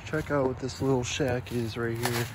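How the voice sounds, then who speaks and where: Man, explorer vlogger, flat steady delivery, faint room noise, phone mic. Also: moderate pace. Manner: curious, low-key, muttering asides. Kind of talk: handheld exploration commentary. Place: abandoned farmhouse and yard, indoors and out. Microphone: handheld phone camera.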